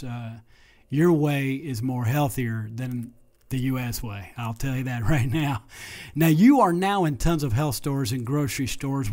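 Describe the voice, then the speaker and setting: A man's voice: mid-range voice, darkish tone. A man hosting a health radio show, reading scripted introductions and asking questions with friendly asides.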